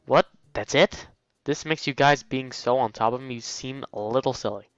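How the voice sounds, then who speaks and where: A young man with a mid-range voice reads through a visual novel as a let's play host at normal speed, making playful comments and sometimes stumbling over lines. No room sound is audible. The recording comes from a dull, lo-fi mic, with game music behind him.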